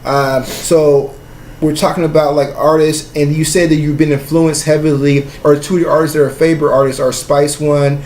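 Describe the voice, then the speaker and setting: A man from the Pacific Northwest with a slightly high voice hosts a casual interview. He speaks in a slangy, roundabout way. The room echoes noticeably and there is faint noise. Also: level tone, moderate pace, darkish tone. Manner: slangy, discursive, often says "you know what I mean". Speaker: podcast host, interviewer. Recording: roomy echo, faint background noise.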